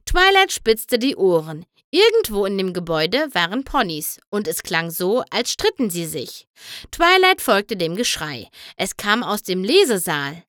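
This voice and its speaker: A woman reads a storybook aloud at an unhurried pace. Her intonation rises and falls with lively expression, and the recording is dry and close. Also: mid-range voice, no room sound. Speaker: narrator. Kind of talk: audiobook storybook reading.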